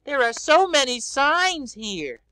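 A man voicing a big, sweet, childlike yellow bird on a read-along record, innocent and wondering aloud. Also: very high-pitched, very animated, takes it slowly, exaggerated voice. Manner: innocent, wondering, talks to himself.

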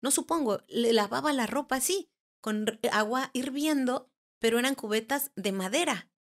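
A woman around forty, a therapist and podcast guest, recounting a personal paranormal experience in a halting way, often restarting and searching for words. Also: on the high side.

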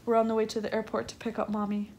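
A woman's voice: fairly high pitch, monotone, rapid-fire, a little mellow. A young woman chatting on a family vlog, bantering playfully with her sister. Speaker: vlogger. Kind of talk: casual vlog chat. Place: car and bowling alley. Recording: noisy, crowded background.

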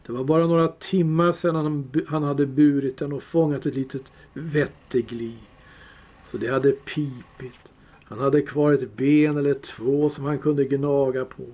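A man reading a fantasy novel aloud in a calm, measured storytelling voice. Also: medium pitch. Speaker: reader. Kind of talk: audiobook reading.

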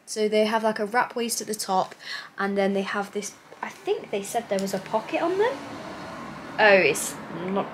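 A chatty young woman talks straight into her camera from a small bedroom, easygoing and peppered with ums and likes. Her voice sits at an ordinary middle pitch. A clear hiss of room noise runs under the close camera mic. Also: fairly bright tone. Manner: chatty and upbeat, lots of fillers. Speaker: lifestyle vlogger. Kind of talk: casual vlog chat to camera. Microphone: camera mic at close range.

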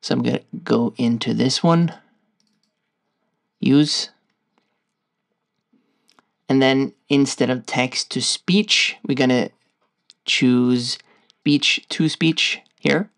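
A man with a Norwegian accent, casually walking viewers through a software tutorial in a loose, stop-start way. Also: medium pitch, takes it slowly, vocal fry, pauses often. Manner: loose, stop-start explaining while clicking through screens. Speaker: tutorial host.

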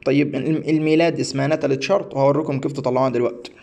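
Speaking with an Egyptian Arabic accent, a man who teaches astrology leads a screen-share tutorial, explaining a website one step at a time in a repetitive, rambling way full of stumbles and restarts. His medium-pitched voice is warm, with vocal fry, and he talks very fast with fairly even intonation.

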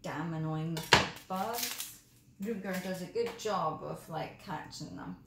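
A woman's voice: lowish voice, a little slow, vocal fry. A woman chatting casually in a cooking vlog in her home kitchen, rambling through asides and talking carefully because of mouth pain. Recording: echoey kitchen with background noise.

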